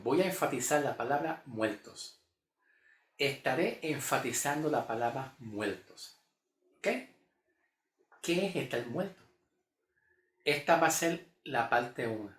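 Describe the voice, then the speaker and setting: A man teaching the Bible in a sermon style, repeating phrases emphatically and often checking in with "ok?". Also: mid-range voice. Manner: repetitive, emphatic, asks "¿ok?" often. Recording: echoey room with faint music.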